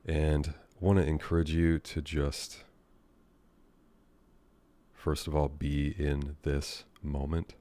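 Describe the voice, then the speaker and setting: In a gentle, slow, unscripted meditation session, an American man improvises calming guidance. His voice is extremely deep, dark and relaxed, with almost no change in pitch, and he leaves long silences between phrases.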